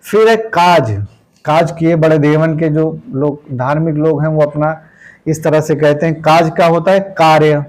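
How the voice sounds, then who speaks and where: A man with a somewhat high voice teaches a Hindi grammar class for exam students. He explains patiently with homely everyday examples. He goes word by word, repeating each one slowly and dropping "okay" after nearly every point. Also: steady tone, darkish tone, low-quality recording. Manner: repeats words slowly, tags lines with "ठीक है". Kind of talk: exam-prep grammar lesson.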